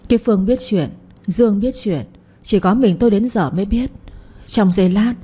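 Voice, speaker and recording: A woman's voice: medium pitch, dark tone, breathy edge. A woman narrating a first-person audiobook story in a heartfelt, sorrowful way.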